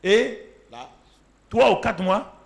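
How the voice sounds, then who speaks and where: A man preaching to his congregation, with an emphatic, exhorting manner. His voice sits a little high for a man. He builds up to loud, forceful calls. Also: extremely slow, gravelly. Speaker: pastor. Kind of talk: sermon.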